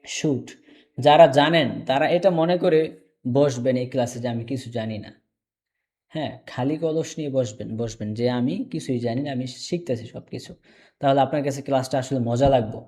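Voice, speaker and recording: A man teaching a casual online English class, repeating each word slowly for learners. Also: mid-range voice, darkish tone. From Bangladesh. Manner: repeats words slowly, drills.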